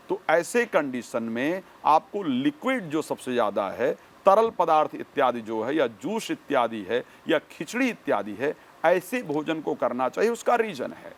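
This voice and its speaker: A man speaking as an expert guest, giving formal, measured instructions point by point. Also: a little high, vocal fry. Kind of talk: explanatory interview answers.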